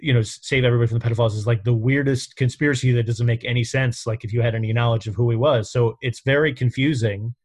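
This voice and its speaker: New york guy hosting a podcast, thinks out loud, kinda hesitant. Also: mid-range voice, steady tone, fast, hardly any pauses. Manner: musing, hesitant, thinks aloud. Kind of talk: casual podcast chat.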